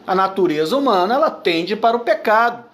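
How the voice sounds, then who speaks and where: High-voiced Brazilian pastor preaching emphatically. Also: male voice, expressive, a little fast, fairly bright tone. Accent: Brazilian Portuguese. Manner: emphatic, repetitive, with rhetorical questions. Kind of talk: sermon.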